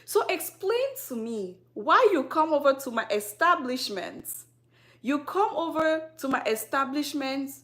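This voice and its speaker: A woman's voice: sits high, big pitch swings, unhurried, a bit bright. Sassy Cameroonian woman. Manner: sassy, teasing rhetorical questions, frequent laughter. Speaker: skincare vlogger. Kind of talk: casual direct-to-camera talk. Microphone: phone on tripod.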